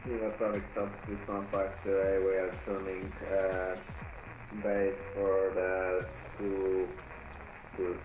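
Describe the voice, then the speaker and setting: A man making halting radio calls to air traffic control as a pilot over a cockpit headset. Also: deep voice, completely flat delivery. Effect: pilot talking over a cockpit headset radio. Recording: echoey radio with music behind.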